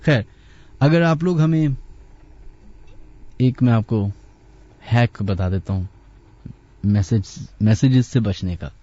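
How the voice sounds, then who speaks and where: Late-night radio host, male, warm low-key delivery, takes his time over every phrase, slightly muffled broadcast sound. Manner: unhurried, deliberately slow talker; chatty, reads out listener names. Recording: slightly dull radio studio audio.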